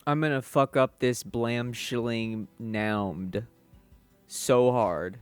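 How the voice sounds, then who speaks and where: A man's voice: medium pitch, takes it slowly, clean tone, faint music behind. A man playing a tabletop game, joking and role-playing casually in a playful, mock-serious way.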